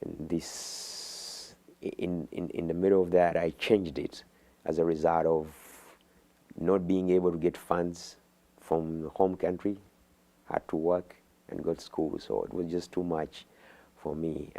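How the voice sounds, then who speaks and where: A middle-aged man from Uganda, a guest in an interview, talking haltingly with many fillers and restarts. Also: low voice, creaky, mellow. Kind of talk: interview conversation.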